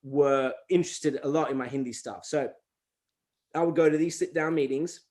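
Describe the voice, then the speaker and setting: Fairly high-pitched and moderately paced, a man who grew up with Gujarati and now makes hip-hop narrates stories energetically in a casual interview. He dramatizes what people said and frequently backtracks with fillers.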